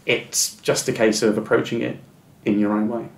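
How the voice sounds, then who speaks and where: A middle-aged man with a creaky, mid-range voice talks at normal speed with little pitch movement. As an interview guest, he gives earnest, uplifting advice in a reflective way, stammering with repeated words and restarts. Faint music sounds in the echoey room.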